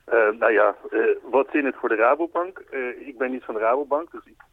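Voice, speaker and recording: Man on a phone line, mid-pitched, earnest spokesperson explaining his project patiently; tinny, dry call audio. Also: fairly quick, no echo. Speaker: spokesperson for a foundation, interviewee. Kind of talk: radio phone interview. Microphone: telephone.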